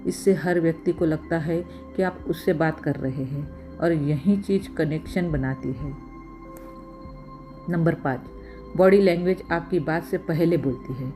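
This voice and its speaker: A woman giving scripted voice-over narration with steady, instructive delivery, counting off communication tips by number. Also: deep voice, unhurried, soft background music.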